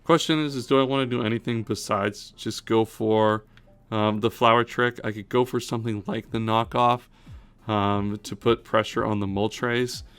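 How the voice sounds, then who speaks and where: A man's voice: lowish voice, fairly even intonation, normal speed, fairly bright tone, smooth. A man giving thinking-aloud commentary on a competitive battle, analytical and often correcting himself mid-sentence. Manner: analytical, self-correcting, frequent "um" and "uh".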